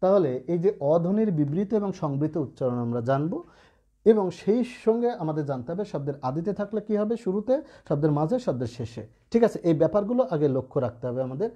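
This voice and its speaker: A man's voice: fairly high pitch, sing-song, quick pace, mellow. A man teaching a lesson to students, explaining patiently with frequent check-ins and repeated phrases. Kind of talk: classroom-style lesson.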